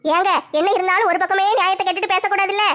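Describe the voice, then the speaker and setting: A woman's voice: extremely high pitch, level tone, fast talker, a bit bright. A woman playing a sensible middle-aged village wife and mother in a comic skit, scolding and reasoning in a Tirunelveli Tamil accent.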